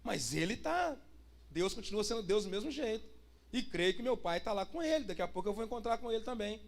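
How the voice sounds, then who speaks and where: A man's voice: high-pitched, expressive, brisk. A pastor, preaching a sermon and putting rhetorical questions to his congregation. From Brazil.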